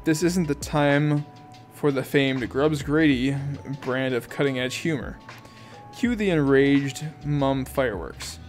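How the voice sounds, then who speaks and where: A man's voice: medium pitch, slow, faint music behind. A man reading a novel aloud in first person, in a casual amateur audiobook style with asides and self-corrections. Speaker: audiobook reader.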